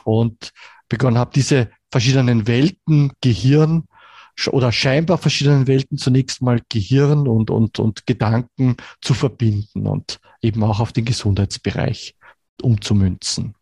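A man in his forties with a Viennese accent, a brain researcher calmly explaining things as an interview guest. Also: mid-range voice, husky, no echo, studio quality. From Vienna, Austria. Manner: measured, calmly explaining with examples.

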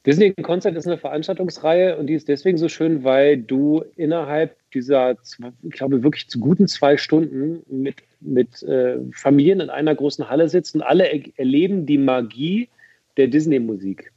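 A talkative man in his thirties speaks as a podcast guest, his voice somewhat husky and a touch higher than most men's. He chats loosely, restarting sentences and piling on fillers. The sound is dry and a little dull, like modest podcast audio. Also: moderate pace, dark tone, dry recording. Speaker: guest, event presenter. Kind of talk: casual podcast conversation.

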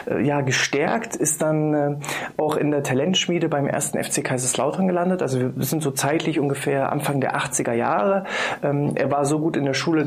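A man hosting a podcast and speaking casually in a monologue, enthusiastic and encouraging, with frequent ums and restarts. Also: on the high side. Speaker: podcast host.

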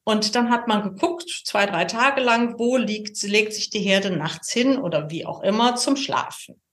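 A woman from Cologne with a light Cologne accent talks through her subject at an unhurried pace. She is cheerful and explanatory, leaning on fillers as she goes, and her voice sits at an ordinary middle pitch. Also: a bit bright. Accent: Cologne German. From Cologne, Germany. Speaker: geomancy guest. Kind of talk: podcast interview. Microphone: camera set-up.

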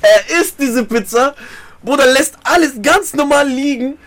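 A man's voice: very high-pitched, a little slow, fairly bright tone, a little hiss or hum. A man with an urban German multiethnolect accent telling stories in slangy casual speech, acting out dialogue and repeating phrases. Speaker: guest telling prison stories. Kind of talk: animated casual storytelling.

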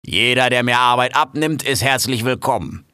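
A man's voice: medium pitch, normal speed, bright, forceful tone, clean tone, no echo, clean studio sound, close to an everyday voice. A man voicing a blunt, busy foreman who barks casual, slangy orders. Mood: brusque. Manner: brusque, casual colloquial orders.

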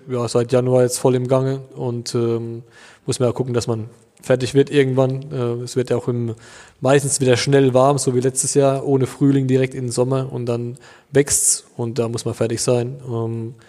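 Thirtysomething german winemaker guy, flat mellow voice, lots of ums, reverby room. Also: medium pitch, normal speed. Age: 30s. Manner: relaxed, hesitant with many fillers. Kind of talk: casual interview answers.

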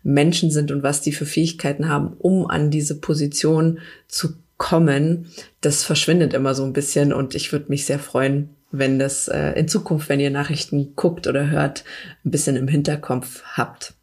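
A woman talking earnestly on a podcast about her work in politics, pausing often with fillers and restarting her sentences. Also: low voice, level tone, a little mellow, breathy edge. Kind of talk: casual podcast chat.

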